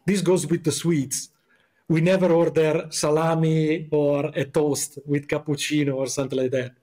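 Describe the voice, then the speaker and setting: Italian man chatting, higher voice. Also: little pitch movement, darkish tone. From Italy. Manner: halting, searching for words with many fillers. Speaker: guest. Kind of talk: casual podcast chat.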